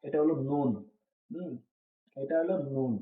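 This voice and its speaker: Patient man drilling letters in an echoey, tinny recording. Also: on the high side. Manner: repeats each letter name slowly, asks checking questions. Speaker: Quran reading teacher. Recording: echoey, tinny phone-like sound.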